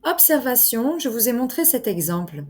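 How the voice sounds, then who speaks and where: A woman teaching a French lesson, enunciating each phrase slowly and carefully. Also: on the high side, big pitch swings, darkish tone. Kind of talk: slow, clear language lesson.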